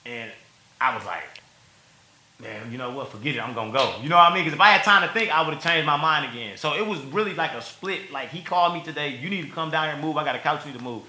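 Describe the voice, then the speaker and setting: A man's voice: on the high side, lively intonation, fast, bright, forceful tone, roomy sound, slight background noise, poor audio. A man telling his story in a casual interview, slangy and emotional, laughing and choking up as he talks. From Milwaukee.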